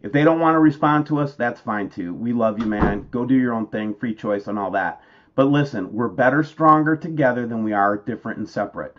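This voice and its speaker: A man's voice: mid-range voice, fairly quick. A man hosting his own channel, talking loosely and casually to viewers about pictures, calling them man and guys. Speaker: channel host. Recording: dull lo-fi sound.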